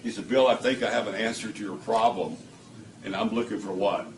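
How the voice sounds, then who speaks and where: A man with a lowish voice, talking a little fast, tells a lively testimonial story to a small indoor audience at a product demo. He performs the quoted dialogue and laughs a lot. He's recorded far off in an echoey room, with background noise audible.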